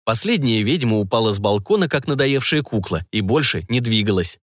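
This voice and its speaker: Male narrator, mid-pitched and dry, for a steady, expressive dark-fantasy audiobook. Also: a little fast, no echo.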